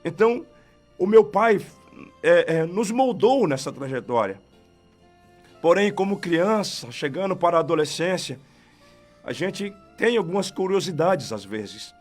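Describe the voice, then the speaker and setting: A Brazilian man with a fairly high voice tells his testimony as an evangelist on a radio show. He speaks fervently and keeps calling out to God along the way. Soft music plays behind him in the studio. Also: very animated, a little slow. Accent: Brazilian Portuguese.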